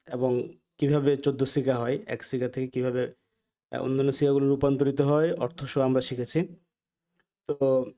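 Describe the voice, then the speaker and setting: A man with a Bangladeshi accent teaching an Arabic grammar lesson, patiently repeating each word slowly for learners to follow. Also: medium pitch, warm tone. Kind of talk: recorded lesson.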